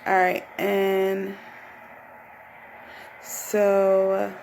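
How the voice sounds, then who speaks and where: A woman's voice: medium pitch, completely flat delivery, drawn-out words, gravelly, a little mellow, slight background noise, low-quality recording. A woman in her thirties chatting casually in a rambling way, thinking aloud as she films an unboxing vlog at home on a phone. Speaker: vlogger. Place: small room at home, indoors. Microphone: phone at arm's length.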